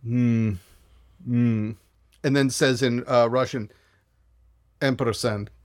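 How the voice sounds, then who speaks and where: A man playing a tabletop game, describing his character's actions in a slow, deliberate way. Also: mid-range voice, fairly even intonation, dry recording, studio quality. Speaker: player.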